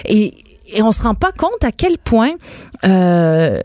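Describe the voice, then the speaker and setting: A woman's voice: mid-range voice, slow pace, dry recording, clean studio sound. A woman with an Acadian French accent, a guest in a casual radio interview, telling stories animatedly and laughing often. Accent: Acadian French, shifting toward Quebec. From New Brunswick, Canada. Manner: animated storytelling, acting out quoted voices, laughing often. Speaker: singer, guest.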